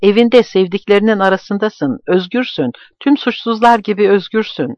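A man voicing an agitated middle-aged man who shouts and pleads with a friend. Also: sits high, expressive, normal speed, no echo, dull audio, pitched above the performer's own voice. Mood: urgent. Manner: shouting, trembling with anger.

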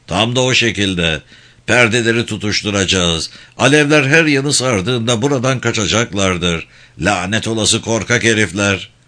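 A man's voice: fairly low pitch, moderate pace, pushed and bright. A man voicing a paranoid, unhinged mother who rants harshly in a storybook reading. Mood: ranting. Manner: harsh, ranting.

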